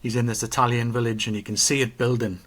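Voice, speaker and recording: A man, chatting casually as a podcast co-host, telling stories with animated acted-out quotes. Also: medium pitch, fast talker. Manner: animated storytelling, acts out quotes. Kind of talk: casual chat.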